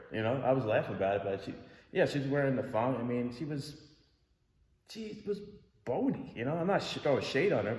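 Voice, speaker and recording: A man's voice: mid-range voice, a little mellow. A man telling a story in a casual vlog, rambling and swearing with an exasperated tone. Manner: rambling, profane, exasperated retelling. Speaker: vlogger. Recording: echoey room with long reverb.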